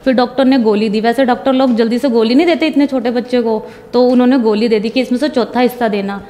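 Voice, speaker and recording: A woman's voice: a little high, steady tone, fast talker, mellow, big-room sound. A young woman giving a personal testimony, retelling conversations at length and repeating "I said".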